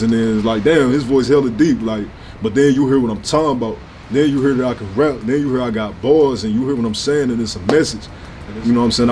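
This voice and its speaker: Brash young St. rapper talking. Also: male voice, mid-range voice, darkish tone, a little hiss or hum. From St. Louis, USA. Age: 20s. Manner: brash, profane, slangy. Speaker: rapper, interview guest. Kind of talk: casual sit-down interview talk.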